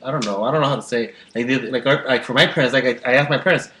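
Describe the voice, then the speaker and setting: A man's voice: medium pitch, rapid-fire, bright, forceful tone, echoey room, slight background noise, poor audio. A man in his twenties hosting a casual chat, rambling and restarting his sentences. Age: 20s. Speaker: host.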